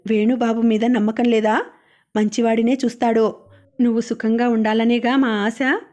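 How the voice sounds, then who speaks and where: A woman reading as a gentle older mistress of the house, soft coaxing voice, mellow tone, fairly high, storybook audiobook. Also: flat delivery, normal speed, close to an everyday voice. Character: gentle older lady of the house, kind and caring.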